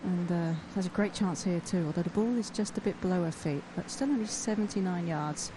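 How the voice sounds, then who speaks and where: A woman's voice: fairly low pitch, fairly quick, crowd noise. A woman giving live analysis as a golf commentator on the course. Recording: very noisy outdoor broadcast.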